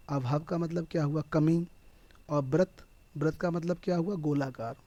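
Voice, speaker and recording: A man's voice: fairly high pitch, warm tone, no room sound. A man with a Hindi accent teaching an exam-prep lesson, explaining step by step and answering his own questions.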